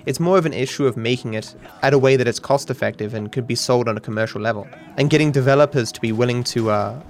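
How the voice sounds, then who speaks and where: A man streaming, rambling quickly and casually with self-deprecating asides. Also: medium pitch.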